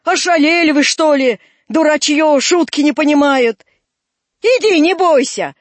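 A woman voicing a gruff one-eyed old male waterworks keeper in a storybook reading, hoarse and scolding. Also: high-pitched, unhurried, dry recording, pitched above the performer's own voice. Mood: exasperated. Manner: shouting and scolding.

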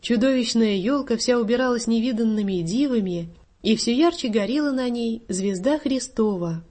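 Brief: a woman with a slightly high voice, reading a story aloud in a measured way. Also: darkish tone. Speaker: narrator.

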